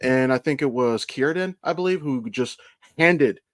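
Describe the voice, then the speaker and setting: A man with a medium-pitched voice co-hosts a casual podcast, explaining his opinions as a fan in relaxed pop-culture commentary with the odd swear word. He speaks unhurriedly, and the clean studio recording has no room sound.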